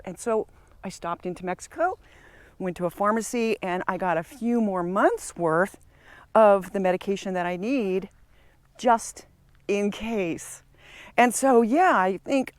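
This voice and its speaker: A woman's voice: mid-range voice, no echo. Chatty woman in her sixties, dry sound. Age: 60s. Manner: chatty, reflective, talking while walking. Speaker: travel vlogger. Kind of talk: casual vlog monologue. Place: outdoors, walking through a campground.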